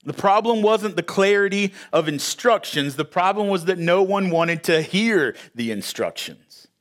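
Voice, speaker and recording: A man preaching in a slightly higher-than-average voice. He opens with an anecdote, then builds to emphatic points, speaking conversationally to his congregation with the odd "uh". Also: lively intonation, unhurried. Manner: storytelling, emphatic, conversational with fillers. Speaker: pastor. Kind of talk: sermon. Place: church sanctuary with audience.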